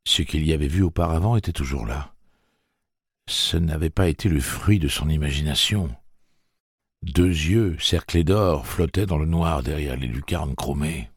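A man narrating an audiobook with measured, expressive storytelling. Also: very deep voice, breathy edge, no echo, studio quality.

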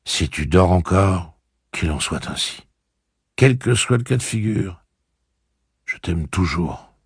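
A man reading an audiobook and voicing a loyal, warm-hearted young man who speaks earnestly and emotionally. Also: low-pitched, animated, slow pace, husky, no room sound, studio quality, pitched above the performer's own voice, exaggerated voice.

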